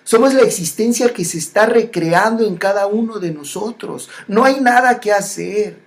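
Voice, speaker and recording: Slow and reflective, this spiritual monologue is spoken at medium pitch. Phrases come back repeatedly, and the speaker pauses and restarts often.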